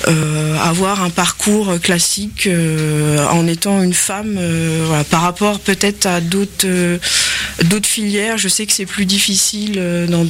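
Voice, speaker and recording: Hesitant middle-aged woman, faint hiss. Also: fairly low pitch. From France. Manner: hesitant, many fillers and restarts. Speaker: university lecturer and researcher in microbiology. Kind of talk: interview answers.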